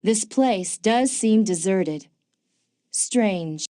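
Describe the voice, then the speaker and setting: A woman voicing a smart, dry-witted female agent in a video game, calm and informative with a touch of sarcasm. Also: mid-range voice, extremely slow, slight background noise. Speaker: game character, field agent. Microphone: dry studio mic.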